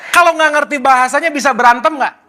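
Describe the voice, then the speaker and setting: A man's voice: very high-pitched, quick pace, sharp tone. A man leading a casual religious study talk, playful and teasing, slipping in English words. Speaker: spiritual teacher.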